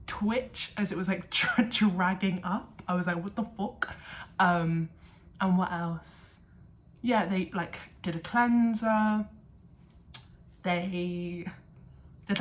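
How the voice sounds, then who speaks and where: A young woman chatting casually to camera in a vlog, with lots of filler words. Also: on the low side. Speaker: vlogger.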